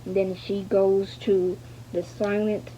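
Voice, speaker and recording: This learner's halting read-aloud of a novel comes in a woman's mid-range, dark-toned voice, flat and slow. Stumbles, repeated fragments and spoken punctuation run through it, over dull lo-fi audio with a faint hiss.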